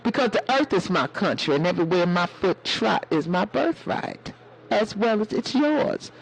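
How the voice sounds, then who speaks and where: A sassy elder woman, as a man puts her on, lectures a live audience in a very high, hoarse voice. She preaches in a motherly way and calls everyone baby and honey. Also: animated, moderate pace, soft background music, exaggerated voice, poor audio. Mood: preachy. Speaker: live-stream host. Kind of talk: preachy casual live-stream talk.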